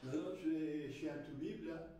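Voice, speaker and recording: A man passing by in the street, speaking in a hesitant, halting way. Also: fairly high pitch, mellow, very echoey, far from the mic, rough recording. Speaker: passer-by.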